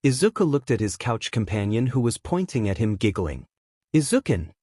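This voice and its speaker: A man reading a fan story aloud as a narrator, in a steady, even storytelling manner. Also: fairly low pitch, fairly quick, no echo, studio quality.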